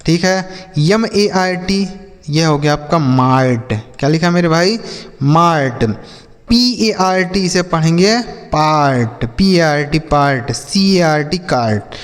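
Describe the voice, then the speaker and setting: A man gives a lesson on reading English words. His voice sits a little high, and a long hall echo trails after each word. He spells each word out letter by letter, asks what it says, then repeats the answer. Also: slow, clean tone. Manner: calls viewers children and brother. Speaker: English teacher.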